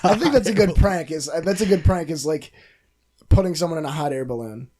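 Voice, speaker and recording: A man with a higher voice who chimes in with brief, joking asides. Faint noise sits behind him in this loose podcast chat. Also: a little fast, warm tone. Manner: short quips, laughs at jokes.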